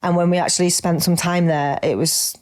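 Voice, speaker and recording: A middle-aged woman chats about coaching clients. She talks in an animated, familiar way, often calling people babe. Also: on the low side, brisk. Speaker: business coach. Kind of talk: casual podcast chat.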